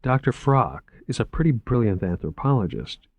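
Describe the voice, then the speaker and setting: A man's voice: mid-range voice, big pitch swings, moderate pace, no room sound, voice pushed up. A man voicing a cool, pointed young woman researcher. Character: sharp-witted young woman museum researcher.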